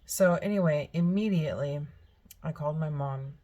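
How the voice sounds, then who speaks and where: A woman's voice: low voice, normal speed, dark tone, highs cut off. A middle-aged woman telling a story to camera as a prepper vlogger, earnest and rambling, often restarting her sentences.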